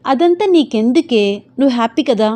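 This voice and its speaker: A woman puts on an earnest young man in love for a spoken story. He sounds stubborn, and the voice stays mellow and soft-edged. It is told in a warm, storybook manner. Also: a little high, animated, normal speed, voice pushed up, lightly acted. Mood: affectionate teasing.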